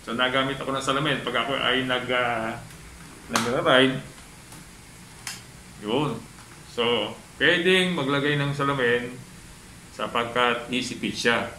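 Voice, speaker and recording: A man talking through a cloth mask while reviewing a motorcycle helmet, speaking slowly with lots of pauses and asking "okay?" often. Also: mid-range voice, sharp tone. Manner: slow, halting, checks in with "okay?". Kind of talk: casual product demonstration. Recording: echoey room with faint ambient noise.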